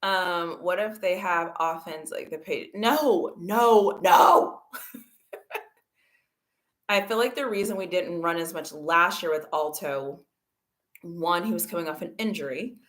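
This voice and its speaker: A woman's voice: lowish voice, measured pace, long pauses, sharp tone. A woman hosting a casual football livestream, talking to her chat in an emphatic, argumentative way. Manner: talks to chat viewers. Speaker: livestream host.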